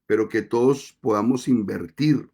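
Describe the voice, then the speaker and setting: A man preaching a sermon as pastor, speaking deliberately with measured pauses between phrases. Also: on the low side, a little mellow, slightly rough.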